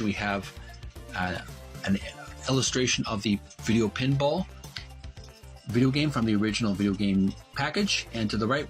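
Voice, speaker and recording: A man with a mid-range voice runs a video channel and narrates a show-and-tell of a book. He reads copy aloud, pausing between short phrases.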